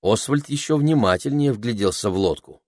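A man's voice: medium pitch, animated, normal speed, a little mellow, no echo, clean studio sound. A man reading a children's story aloud as the narrator of an audiobook.

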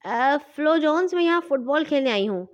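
A woman's voice: high voice, animated, highs cut off. A woman voicing a blunt, sporty young girl who mutters and then panics in a storybook. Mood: cheerful. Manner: muttering, then crying out in alarm.

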